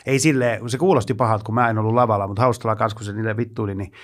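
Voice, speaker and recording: A man's voice: on the low side, fairly even intonation. A man, a stand-up comedian, hosting a casual podcast and telling gig anecdotes, mimicking the people he quotes. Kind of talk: casual chat.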